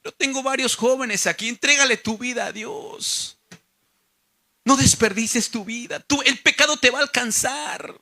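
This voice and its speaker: A male pastor preaching a sermon with passion, swinging from hushed to emphatic. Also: very high voice, a little slow.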